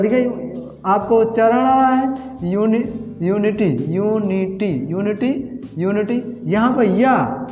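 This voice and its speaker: A man's voice: extremely high pitch, darkish tone. A man teaching English grammar in Hindi, repeating each point and asking his students questions. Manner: repetitive, quizzing himself with questions. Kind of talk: Hindi classroom lesson at a whiteboard. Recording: echoey room, dull lo-fi sound.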